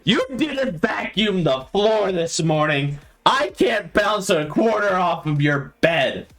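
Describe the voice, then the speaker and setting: A man's voice: sits high, lively intonation, slow, a bit bright, faint music behind, pitched above the performer's own voice, exaggerated voice. A man voicing a fussy clean-freak male duck who scolds like a drill sergeant. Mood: scolding.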